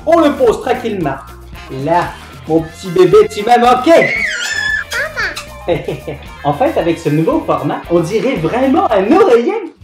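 A man putting on a put-on Québécois accent as a greedy, excitable young Canadian guy in a comic food-tasting vlog, loud and theatrical. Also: high-pitched, unhurried. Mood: gleeful. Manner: loud, theatrical, shrieking exclamations. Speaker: YouTuber doing food challenges. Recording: echoey room, faint background music.

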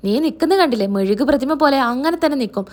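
A stern old grandmother scolds her family , voiced by a woman telling the story. Her reproaches come fast and high-pitched. She is fiercely protective of her grown son. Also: lively intonation. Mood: scolding.

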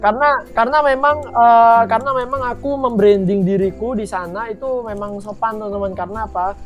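A woman's voice: fairly high pitch, fairly quick. A woman with an Indonesian accent chatting casually on a gaming livestream with blunt, playful, slangy banter. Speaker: streamer hosting a donation stream. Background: music.

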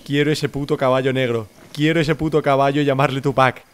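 A young man with a Spanish accent from Spain, giving jokey, excitable gameplay commentary. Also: mid-range voice, a little fast, background noise. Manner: excitable, shouting and laughing, jokey. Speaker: gaming YouTuber.

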